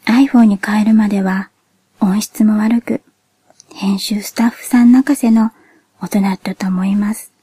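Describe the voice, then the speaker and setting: Breathy, whispering woman with a cute anime voice. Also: mid-range voice, fairly even intonation, no echo. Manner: gentle, polite, measured delivery. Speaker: podcast host. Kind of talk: soft whispered podcast monologue.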